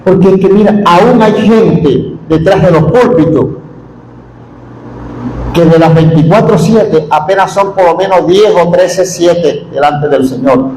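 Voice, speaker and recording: A man preaching a sermon in a church, impassioned and repetitive, bursting into shouts. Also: high-pitched, unhurried. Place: church service hall. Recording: echoey church hall with faint noise.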